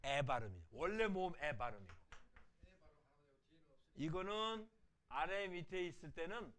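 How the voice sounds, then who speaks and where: A middle-aged man teaches an online language course in a slightly high voice. His pitch swings widely as he explains. He poses rhetorical questions, answers them, and repeats sample words slowly. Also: expressive, fairly bright tone. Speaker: Hebrew language lecturer. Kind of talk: recorded online lecture.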